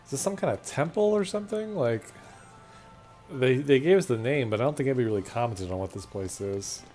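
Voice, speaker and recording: A man's voice: mid-range voice, lively intonation, a little fast, a little mellow, faint music behind. A man streaming a video game, chatting and joking as he thinks aloud. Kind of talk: casual gameplay commentary.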